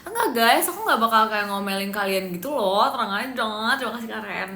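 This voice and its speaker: A woman's voice: a little high, animated, fairly quick, sharp tone. A young Indonesian woman hosting a casual livestream, reading viewer comments and answering in a playful, teasing way, with bits of English mixed in. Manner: playful, teasing, giggly, drops in English phrases. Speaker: idol livestream host. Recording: echoey room with faint noise.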